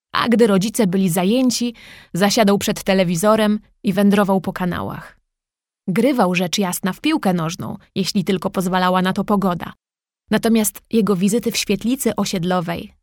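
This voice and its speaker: A woman narrating a children's story in a calm, measured and gently expressive way. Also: mid-range voice, no echo, studio quality.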